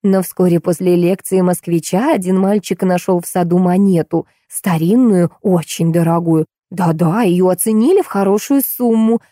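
A woman narrates a first-person novel, lively and wry, with playful lifts in her telling. Her voice is mellow and relaxed, and the recording is close and dry with no room sound. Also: on the low side, moderate pace, few pauses, dry recording. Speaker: audiobook narrator.

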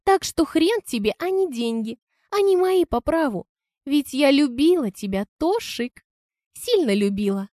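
A woman reading an audiobook, voicing a brazen young woman with a sneering, high voice. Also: animated, unhurried, dark tone, dry recording, studio quality. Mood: insolent.

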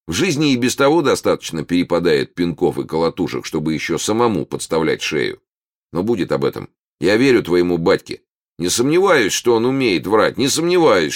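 A man's voice: low voice, pitched above the performer's own voice. A man voicing a cunning teenage beggar boy who mocks and bosses his companion, in an audiobook. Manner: sneering, lively, bossy. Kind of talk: audiobook character voice.

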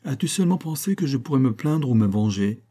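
A man's voice: mid-range voice, lively intonation, fairly quick, dark tone, pitched above the performer's own voice, lightly acted. A man voicing a bitter, sarcastic older man who lectures a friend in an audiobook. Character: old man Liénard, bitter and cutting.

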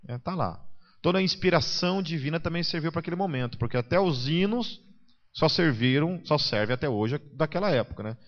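A man's voice: on the high side, expressive, brisk. A man with a Brazilian accent preaching a conversational sermon. He keeps checking in with his listeners and acts out the people he quotes. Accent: Brazilian Portuguese. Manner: chatty, tags nearly every sentence with a question, acts out quoted people. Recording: muffled event recording.

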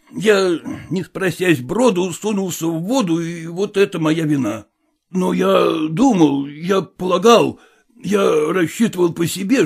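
A man's voice: high-pitched, creaky, slightly rough, heavily acted. A man voicing an agitated, apologetic middle-aged merchant father who rambles and pleads in a storybook reading. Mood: pleading.

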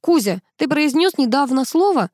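A woman voicing a brisk, matter-of-fact male investigator. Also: high voice, big pitch swings, a little mellow, no room sound, clean studio sound, pitched above the performer's own voice.

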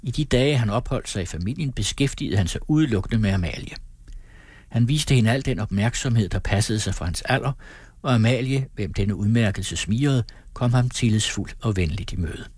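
A man reading a classic novel aloud in a measured, phrase-by-phrase way. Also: lowish voice, expressive, darkish tone, slightly rough, dry recording, clean studio sound. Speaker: audiobook reader.

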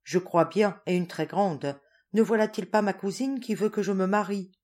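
A woman's voice: medium pitch, moderate pace, a little mellow, lightly acted. A woman reading the part of an earnest eighteen-year-old girl in a storybook, pleading and sweet.

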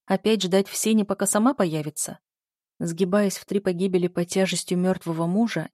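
A woman narrates a first-person story at a measured, even pace. Her voice sits low and mellow with a soft, dark color. It's recorded close and dry, with no room sound. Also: no echo. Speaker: audiobook narrator.

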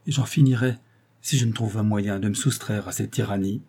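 A man's voice: fairly low pitch, steady tone, a little fast, a little mellow. A man voicing a proud, hot-tempered eighteen-year-old nobleman who speaks abruptly in an audiobook. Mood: sullen. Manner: abrupt and indignant.

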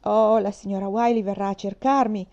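A woman's voice: mid-range voice, fairly even intonation, moderate pace, darkish tone, lightly acted. A woman voicing a tough, boastful orphan girl of about twelve who talks in a brash, defiant way. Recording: slightly dull lo-fi recording.

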